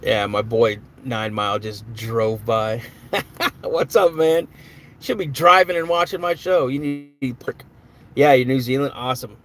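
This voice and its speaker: A man's voice: mid-range voice, unhurried, a bit bright. A man hosting a live stream in a casual, chatty way, greeting viewers by name and answering their comments.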